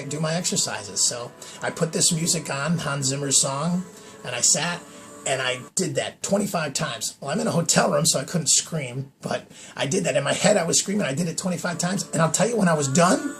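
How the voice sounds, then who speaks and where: A man's voice: on the high side, creaky. A man from New York telling a personal story to camera on his vlog, earnest and emphatic. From New York, USA. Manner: earnest, emphatic, repeats "I'll tell you". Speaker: vlog host.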